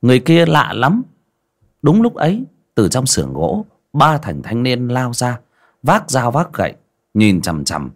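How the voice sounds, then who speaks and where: A man narrating a folksy story in an expressive, vivid way. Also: medium pitch, measured pace.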